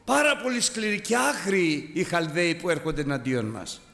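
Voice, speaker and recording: A man preaching a sermon, animated, climbing to high exclamations and dropping low as he tells a story. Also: creaky, big-room sound.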